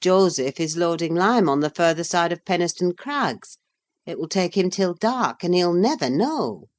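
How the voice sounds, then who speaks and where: Sullen stubborn young guy, blunt and firm, a bit low, woman reader doing him. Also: animated, moderate pace, natural voice. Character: sullen, resentful young man.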